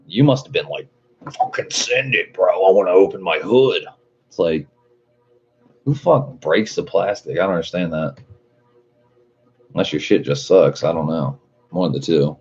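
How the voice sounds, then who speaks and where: A man talking like a frat bro, full of "dude" and swearing, chatting casually on a livestream as he hosts and answers viewers. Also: deep voice. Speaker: car livestream host. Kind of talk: casual livestream chat, reading out viewer comments. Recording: muffled audio with loud music behind. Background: loud music.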